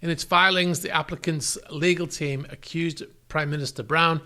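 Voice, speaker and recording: A man's voice: on the high side, fairly even intonation, moderate pace, pushed and bright. A man hosting a news show, reading out statements and adding wry, critical asides in a conversational way. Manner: conversational, reads statements and comments aloud. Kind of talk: news commentary.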